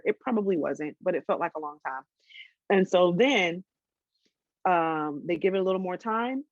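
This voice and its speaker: A woman's voice: lowish voice, dry recording, muffled recording. A woman in her twenties telling a personal story in a casual interview, candid, with many ums and restarts. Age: 20s.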